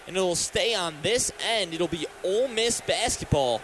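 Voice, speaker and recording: A high-pitched, slightly bright American man gives live basketball play-by-play from courtside with lively intonation at a moderate pace. He's a radio announcer and sports talk host, and the rough live arena recording has faint background noise.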